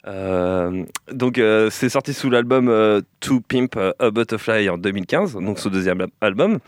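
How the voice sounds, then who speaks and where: A man's voice: on the low side, expressive, a little slow, no room sound, studio quality. A man co-hosting a radio show, presenting a track's background with many hesitations and fillers. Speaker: radio co-host.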